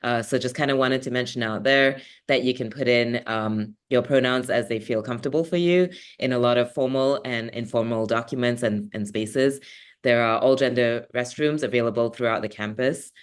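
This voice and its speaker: A young man, a graduate mentor, speaking in a relaxed, hesitant way with many fillers. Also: medium pitch, normal speed, clear, resonant tone. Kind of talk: casual presentation.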